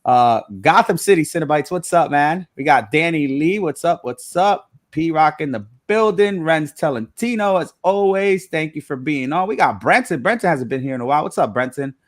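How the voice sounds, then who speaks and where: A man's voice: fairly high pitch, lively intonation, moderate pace, hardly any pauses, dry recording, clean studio sound. Upbeat male live-show host. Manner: upbeat, hypes guests and reads comments. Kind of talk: casual live-stream chat.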